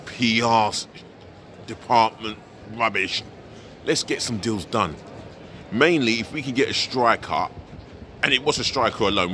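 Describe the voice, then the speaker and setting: This football vlogger has a lowish voice with a bright edge, and he sounds exasperated as he talks to the camera before the match. He's outside by a big stadium in a city plaza with faint street noise, holding the camera at arm's length as the host and venting frankly about his team.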